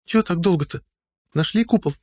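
A sharp-tongued young woman who drawls and teases, put on by a man reading a storybook. The voice sits well above his usual low register, and the dry, close recording keeps every word up front. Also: normal speed, breathy edge, no echo. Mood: grumbling. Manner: high put-on voice, drawling and teasing.

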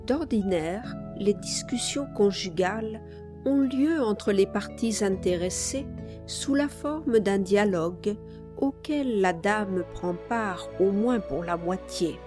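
A woman narrating a classic novel as an audiobook in a measured, deliberate reading. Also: mid-range voice, expressive, over music. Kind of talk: scripted narration.

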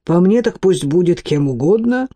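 Woman doing a verbose male doctor, ornate and lecturing, warm tone. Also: fairly low pitch, lively intonation, moderate pace, slightly rough. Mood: flustered. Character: flowery, verbose middle-aged male doctor. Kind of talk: audiobook reading.

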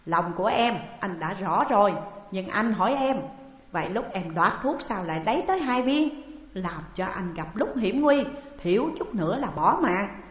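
A woman's voice: medium pitch, expressive, moderate pace, close to an everyday voice. A woman voicing a sick, stern elder sworn brother who speaks firmly and reproachfully in an audiobook story. The recording is dull and echoey.

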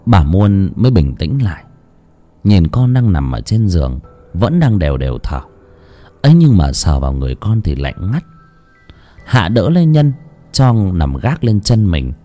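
A man narrates a horror story with a dramatic, expressive reading. His voice is low and mellow, and his pitch moves a lot. Soft music plays behind him. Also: unhurried. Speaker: audiobook narrator.

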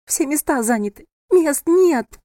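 A woman voicing a panicky, dramatic young bride who wails and complains in a high, loud voice. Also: brisk, dry recording, clean studio sound, close to an everyday voice. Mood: panicked. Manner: hysterical, wailing.

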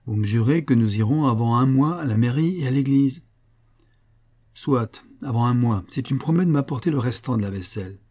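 A man voicing a greedy, fearful old male silversmith who speaks in eager, hushed tones in a storybook reading. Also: mid-range voice, expressive, brisk, close to an everyday voice. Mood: whispering eager.

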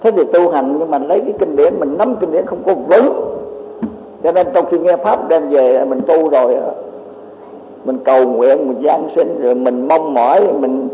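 Man, Buddhist monk, doctrine lecture, high voice, rhetorical questions, repeated filler words, dull lo-fi recording. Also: moderate pace. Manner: addresses listeners as a teacher. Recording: echoey hall, dull lo-fi with faint hiss.

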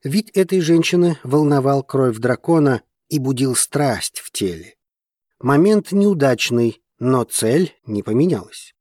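A man reads a story aloud in a measured, steady voice. His tone is husky and mid-pitched. The close, dry recording sounds like a studio booth. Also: no echo. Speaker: audiobook narrator. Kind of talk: scripted fiction narration.

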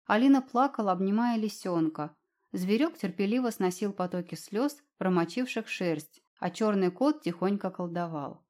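A woman narrating a fantasy novel as an audiobook. Her delivery is expressive and follows the story closely. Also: mid-range voice, moderate pace.

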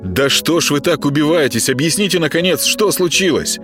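A man's voice: fairly high pitch, lively intonation, a little fast, music in the background, pitched above the performer's own voice, lightly acted. A male narrator voicing a pushy, mildly mocking village policeman in his own voice. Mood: coaxing.

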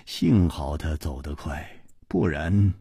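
A male storyteller narrating a martial arts tale in a lively, dramatic way. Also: very deep voice, slow pace, vocal fry, husky, no room sound, studio quality.

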